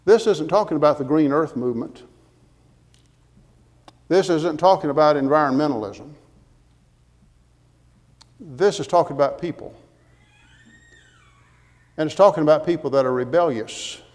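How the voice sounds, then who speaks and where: Male preacher, earnest and emphatic sermon delivery, voice a bit high, long hall reverb. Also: normal speed, pauses often, darkish tone. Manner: earnest, emphatic, quotes scripture with references.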